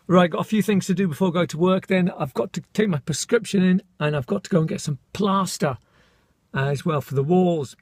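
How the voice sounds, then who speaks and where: A man's voice: high-pitched, a little fast, darkish tone, no room sound. A middle-aged man, born in Scotland and raised in England, chatting casually to camera in a daily vlog, self-mocking and calling his viewers folks. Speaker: vlogger.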